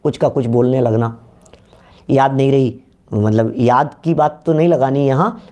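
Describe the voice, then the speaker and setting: A man giving a Jain religious discourse in Hindi, questioning his listeners and reciting scripture slowly. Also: mid-range voice, a little mellow.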